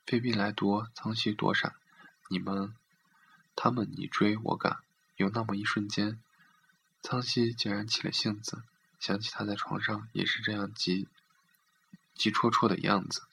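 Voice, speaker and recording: A man reading a literary story aloud in a steady, measured way. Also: fairly low pitch, vocal fry, a little hiss or hum.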